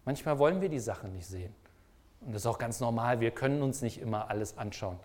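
A man's voice: mid-range voice, expressive, fast talker, a little mellow. A man preaching a sermon, speaking emphatically and asking the listeners repeated rhetorical questions.

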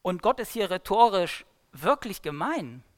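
A woman delivers a sermon-style Bible talk, retelling the story with dramatic flair. Her pitch rises and falls in a lively, animated way, and she moves between loud emphasis and near-hushed lines. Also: unhurried. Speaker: preacher.

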